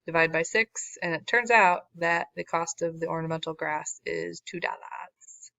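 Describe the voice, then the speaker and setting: A woman's voice: fairly low pitch, moderate pace, gravelly, sharp tone, no room sound. A woman math teacher walking through a word problem in a recorded lesson, casual and wry, losing her voice. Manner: casual, self-deprecating, wry asides. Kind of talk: recorded classroom lesson walkthrough. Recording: dull lo-fi recording, dry.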